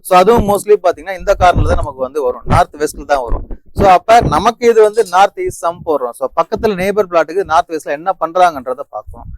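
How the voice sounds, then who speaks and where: A man's voice: on the high side, background noise. A man with a Tamil Nadu accent explaining building choices on a construction site, piling up fillers as he goes. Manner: fast, repetitive filler-heavy explaining. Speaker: construction designer.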